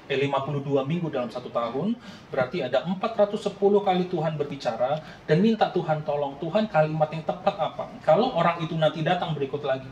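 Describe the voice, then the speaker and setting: A pastor in his late thirties preaches a sermon in an earnest, conversational manner, often speaking directly to the congregation. His mid-range voice has a darkish tone, and the recording is reverberant and dull, with slight background noise.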